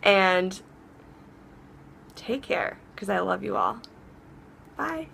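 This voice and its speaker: A woman hosting a casual advice vlog, chatty and rambling, often restarting her sentences, and warm and encouraging toward her viewers. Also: medium pitch, lively intonation, extremely slow, gravelly, husky. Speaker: vlog host.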